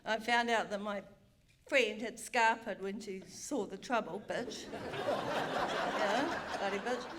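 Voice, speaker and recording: A woman's voice: mid-range voice, slow, fairly bright tone, a faint crowd. A middle-aged woman telling a comic story on a theatre stage, frank, bawdy and self-mocking, with chatty asides.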